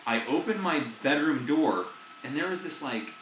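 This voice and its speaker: A man co-hosting a casual podcast, telling a story in an animated way. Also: a little high, moderate pace, roomy sound, slight background noise, poor audio. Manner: animated storytelling, acts out voices. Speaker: podcast co-host. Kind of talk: casual chat.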